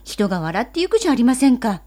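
Casting: a woman playing a prim, proper schoolgirl sister, raised, bright storybook voice. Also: on the high side, sing-song, fast. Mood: scolding. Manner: prim, polite, scolding. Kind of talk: storybook reading.

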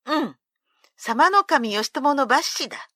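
A woman's voice: high voice, expressive, slow, sharp tone, no room sound, clean studio sound, pitched above the performer's own voice, full character voice. A woman voicing a bold, boastful young male warrior in a read-aloud folk tale, with a teasing, commanding manner. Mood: cocky.

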